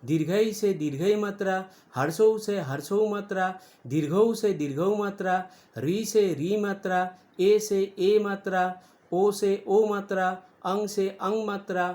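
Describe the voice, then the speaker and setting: Teacher voice, really slow, spelling out letters one by one for kids, stretches the sounds. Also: mid-range voice, darkish tone. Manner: stretches sounds to demonstrate vowel length. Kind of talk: grammar lesson for children.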